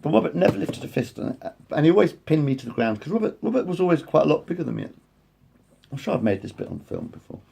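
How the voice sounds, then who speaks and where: A vlogger in his late forties rambles into his phone's front camera, drifting from thought to thought while repeating and correcting himself. His voice sits fairly high with big pitch swings, and he talks fast with a dark tone and vocal fry. There's slight background noise.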